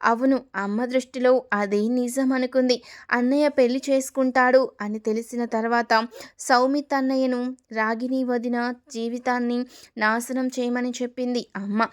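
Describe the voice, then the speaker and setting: A woman's voice: on the high side, steady tone, moderate pace, natural voice. A woman reading as an accusing young daughter. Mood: explaining. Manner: accusing, scolding.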